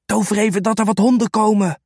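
Brief: a man playing a blunt, grumbling four-year-old boy, raised pitch, storybook. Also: fairly even intonation, fast talker, creaky, a little mellow, no room sound, clean studio sound. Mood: cheeky.

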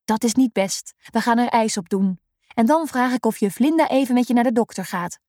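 A woman's voice: fairly high pitch, expressive, fairly quick, a little mellow, no room sound, clean studio sound. A woman voicing a kind, caring schoolteacher in a children's story. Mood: reassuring.

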